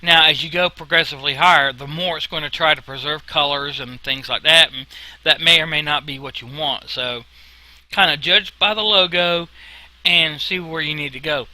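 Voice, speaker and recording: A man narrates an informal screen tutorial in a very bright, sharp voice pitched a little high. His s sounds whistle, and he explains things in a casual, folksy way. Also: normal speed, poor audio. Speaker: software tutorial instructor.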